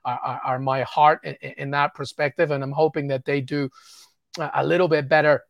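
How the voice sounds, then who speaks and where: A man analyses soccer as an interview guest, talking fluently and eagerly but stumbling over repeated words. His voice sits a touch high for a man. The recording is dry and close, with no room sound. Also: level tone, moderate pace, gravelly, dry recording, lo-fi sound. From England. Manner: fluent and enthusiastic, with frequent stammered repeats.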